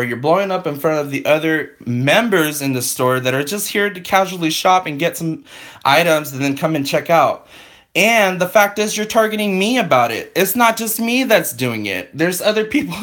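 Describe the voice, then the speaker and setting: A man with a fairly high voice tells a long story on a live stream, casual and unscripted. He rambles and sounds exasperated, restarting his sentences and leaning on "I'm all like" and "you know". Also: a bit bright.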